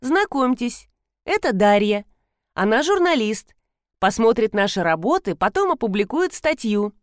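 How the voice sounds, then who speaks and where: A woman's voice: fairly high pitch, sing-song, dry recording, studio quality. A woman voicing a stern, composed workshop owner. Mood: calm. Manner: stern, measured.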